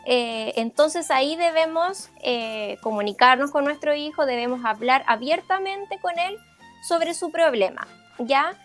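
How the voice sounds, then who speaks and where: A woman giving a parent workshop like a speech therapist, explaining in an informal lecture with frequent fillers and quick check-ins. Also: high-pitched, a bit bright, faint music behind. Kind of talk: informal lecture over slides.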